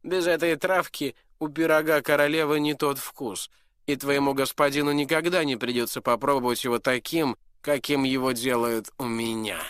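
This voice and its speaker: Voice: medium pitch, fairly even intonation, moderate pace, a bit bright, clean tone, no echo, studio quality, voice pushed up, lightly acted. A storyteller voicing a smug visiting prince who mocks and condescends to a cook in a storybook reading. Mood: condescending. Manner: mocking, condescending.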